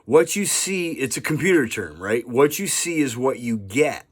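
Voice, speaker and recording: A vlogger in his fifties delivers a casual monologue to camera, rambling and earnest, peppering it with "right?" and "you know" and chuckling now and then. His mid-range voice has lively intonation and a breathy edge, at a moderate pace.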